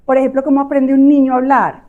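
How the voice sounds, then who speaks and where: A woman's voice: sits high, completely flat delivery, fast, narrow, tinny audio. A woman with a Colombian Spanish accent giving a conversational talk as an audiologist, explaining things in a chatty way with frequent fillers and rhetorical tag questions. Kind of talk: conversational health lecture.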